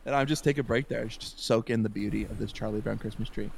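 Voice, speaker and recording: A man's voice: fairly low pitch, a little fast, vocal fry, slightly rough. A young man, a podcast guest, telling a long story in a casual, rambling way, with lots of fillers and laughs, over a voice call.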